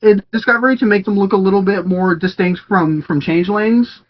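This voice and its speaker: A man's voice: sits high, fairly quick. A man co-hosting a podcast in casual chat, rambling with lots of fillers and restarts. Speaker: podcast co-host. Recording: dull lo-fi audio.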